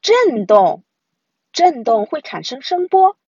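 A brisk, know-it-all big sister , as a woman puts her on. She lectures her little brother in a lively, breathy voice. The sound is muffled and lo-fi. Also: high voice, dry recording, pitched above the performer's own voice, exaggerated voice. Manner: bossy, reassuring, explaining.

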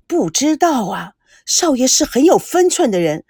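A woman's voice: high-pitched, very animated, normal speed, darkish tone, breathy edge, no echo, studio quality, exaggerated voice. An older manservant blurts bad news, panting and anxious, his voice rising with worry, as a woman narrator puts him on. A loyal, fretful figure in a storybook. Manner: breathless and anxious. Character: flustered older male household servant.

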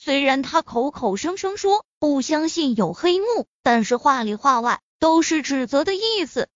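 A woman narrating a novel audiobook in an expressive storytelling manner. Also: high voice, moderate pace, no echo. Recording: dull dry studio audio.

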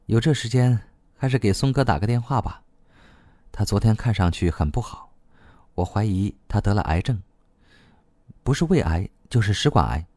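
A man voicing a sly young woman in an audiobook, teasing and needling in a soft voice. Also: lowish voice, big pitch swings, moderate pace, breathy edge, no room sound, studio quality. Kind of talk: audiobook reading.

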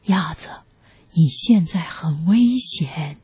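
A woman voicing a big, gloomy bear in a children's story, murmuring softly. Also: animated, takes it slowly, breathy edge, no room sound, lo-fi sound, exaggerated voice. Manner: murmuring, low-spoken.

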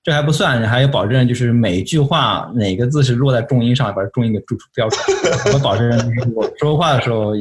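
A man's voice: mid-range voice, fast talker, few pauses, slight background noise. A man from Shanghai, China, a guest on a podcast interview, reflecting at length in casual chat. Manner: reflective, explains at length with many fillers.

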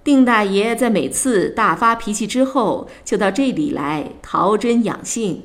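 A woman reading a novel aloud on the radio in measured, expressive narration. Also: mid-range voice.

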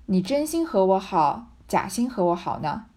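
Cold proud young man, calm and even, quietly scheming, mellow, read by a woman. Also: mid-range voice, normal speed. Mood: coolly scheming.

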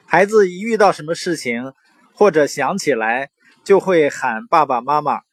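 A young adult man giving parenting advice in an earnest, conversational manner, with anecdotes and drawn-out particles. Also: a little high, animated, slightly rough, no room sound. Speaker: parenting commentator. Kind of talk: informal talk with anecdotes and advice.

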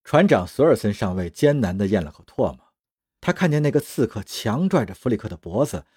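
A man narrating a science fiction audio drama in a dramatic, expressive reading. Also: fairly low pitch, a little fast, slightly rough, no room sound, studio quality.

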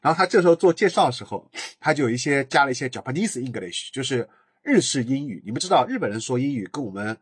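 Male podcast host, husky, dry and close, chatty, laughs easily. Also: medium pitch, sing-song, fast talker, no echo. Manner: enthusiastic, chatty, laughs often. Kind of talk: casual solo drama review.

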